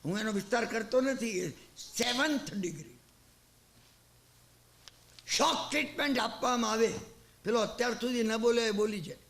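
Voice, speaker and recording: Man giving a sermon, gravelly high voice, echoey room, acts out the story. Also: normal speed, pauses often. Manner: animated storyteller acting out characters. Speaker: Jain preacher.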